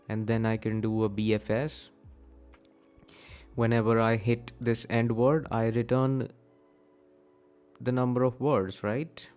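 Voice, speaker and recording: A man's voice: medium pitch, darkish tone. A man thinking aloud while working through a coding problem, tired and talking half to himself. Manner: tired, unhurried, talks to himself. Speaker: streamer solving coding problems.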